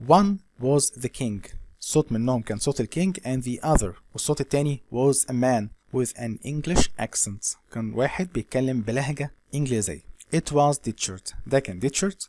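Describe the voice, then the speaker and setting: A man with an Egyptian accent reads an English novel aloud slowly and explains each line in quick Arabic. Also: medium pitch, noisy background. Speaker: English teacher.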